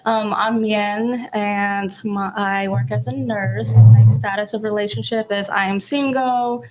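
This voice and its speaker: A nurse in her twenties introducing herself on a panel, slow and halting. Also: medium pitch, steady tone, over music. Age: 20s. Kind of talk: casual self-introduction.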